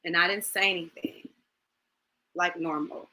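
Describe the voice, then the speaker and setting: Bright-voiced woman telling a personal story. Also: on the low side, fairly even intonation, measured pace, poor audio. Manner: storytelling, acts out quoted lines, emotional. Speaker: guest. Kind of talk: personal testimony in an online talk show.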